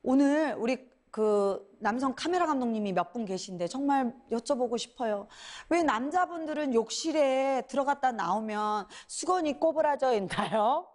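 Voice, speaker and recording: High, lively woman giving a talk. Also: normal speed. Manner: lively storytelling, acts out her own past complaints. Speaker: lecturer. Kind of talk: inspirational talk to a studio audience.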